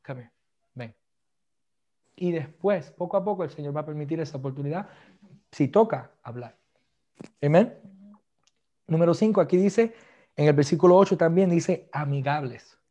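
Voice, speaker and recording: A man's voice: fairly high pitch, unhurried, pauses often, mellow, highs cut off. A man in his thirties preaching a sermon, switching between Spanish and English and joking with his congregation. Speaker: pastor. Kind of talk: bilingual sermon.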